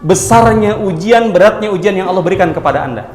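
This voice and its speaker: A man voicing a calm, wise old religious scholar who gently asks questions. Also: sits high, quick pace. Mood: inquiring. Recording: echoey hall with long reverb.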